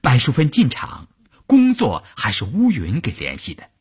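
A male storyteller narrating a traditional spoken story in a measured, dramatic way. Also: mid-range voice, huge pitch swings, a little mellow, husky.

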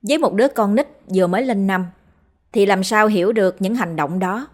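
A woman narrating a ghost story in a steady, unhurried way. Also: medium pitch.

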